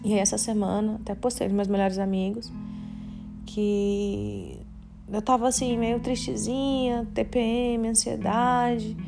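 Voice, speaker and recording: With music playing underneath, a Brazilian podcast host in her late twenties talks at a measured pace in a slightly high, gravelly voice. Her candid personal monologue is confessional, faith-focused and full of casual slang.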